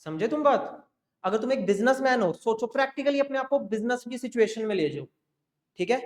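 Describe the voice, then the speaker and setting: His voice very high and expressive, a man moves briskly through an introductory accounting lecture. He coaxes his class along, repeatedly checking that everyone follows, in a room with noticeable echo.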